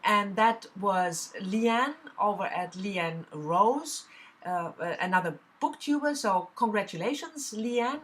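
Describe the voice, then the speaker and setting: This book vlogger is a middle-aged German-accented woman from the country's southwest, talking to camera in a relaxed way full of fillers and false starts. Her pitch sits fairly low, and her tone is fairly bright.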